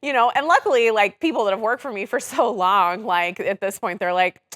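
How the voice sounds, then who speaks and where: A woman hosting a podcast, speaking in a direct, animated way with frequent "like" and "right?" fillers, often laughing. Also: medium pitch, fairly quick. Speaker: podcast host. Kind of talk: casual podcast conversation.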